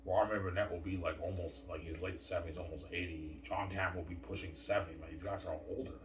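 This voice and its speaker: A man's voice: sits low, fairly even intonation, quick pace. A man talking in a rambling, repetitive casual monologue, often tagging lines with "obviously" and "man". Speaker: vlogger. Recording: echoey room, distant mic, faint noise.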